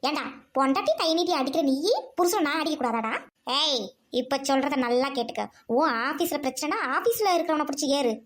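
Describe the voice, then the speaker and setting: A woman voicing a shrill, fast-scolding cartoon housewife. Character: shrill fed-up housewife who fights back. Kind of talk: cartoon voice acting.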